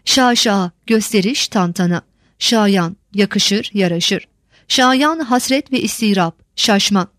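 A woman reading out a glossary of old words and their meanings in a measured, list-like way, lifting her pitch on each headword. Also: fairly bright tone, no room sound, clean studio sound.

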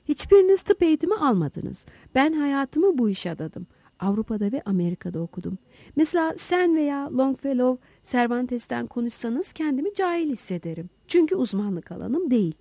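A woman's voice: sits high, very animated, brisk, mellow, no echo, full character voice. A woman voicing an agitated, proud middle-aged male doctor in a storybook reading, speaking indignantly. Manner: indignant, exclaiming.

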